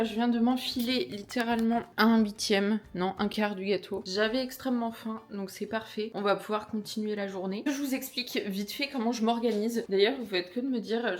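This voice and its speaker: Chatty playful young woman vlogger. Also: medium pitch. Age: 20s. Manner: chatty, playful, self-mocking. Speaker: lifestyle vlogger. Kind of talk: casual vlog chat to camera.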